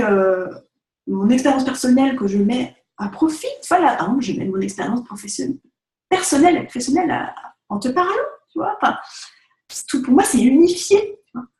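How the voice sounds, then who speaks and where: Chatty woman vlogging in an echoey room. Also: sits high. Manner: chatty, animated, direct address with many fillers. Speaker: vlogger, photographer. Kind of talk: casual chat to camera.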